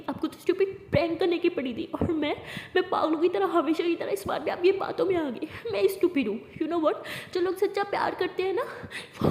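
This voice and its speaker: A woman's voice: high voice, dark tone, slight background noise, natural voice. A woman voicing a sulky hot-tempered girlfriend. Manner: sulky, scolding. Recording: echoey room with long reverb.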